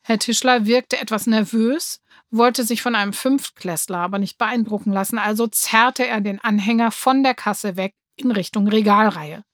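A woman narrating a children's storybook in a lively, expressive way. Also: mid-range voice, normal speed, no echo, clean studio sound. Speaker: audiobook narrator.

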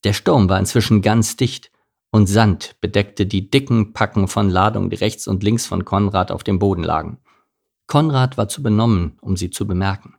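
A man reading a children's storybook aloud with a lively, expressive delivery. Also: fairly low pitch, moderate pace, gravelly. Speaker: narrator.

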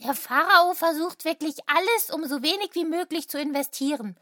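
A woman's voice: high voice, moderate pace, pushed and bright, no echo, studio quality. A woman voicing a sensible, talkative child in a family audio drama. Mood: thoughtful.

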